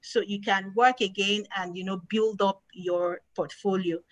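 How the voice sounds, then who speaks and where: A woman's voice: medium pitch, steady tone, unhurried, dry recording, low-quality recording. A woman, answering audience questions as an investment expert, patient and plain, stressing key words. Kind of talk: explanatory Q&A answers.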